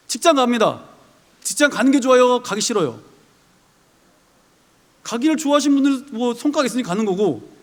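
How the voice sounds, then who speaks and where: Animated high-voiced pastor in a hall. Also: male voice. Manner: animated, acts out Bible figures and everyday people in dialogue. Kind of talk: sermon. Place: church sanctuary. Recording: long reverb of a church hall.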